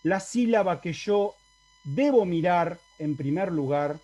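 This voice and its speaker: Slow, mellow-voiced male Latin teacher. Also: high voice, expressive, highs cut off. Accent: Argentine Spanish. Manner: explanatory, asks the class for confirmation. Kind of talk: online lecture. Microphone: video call.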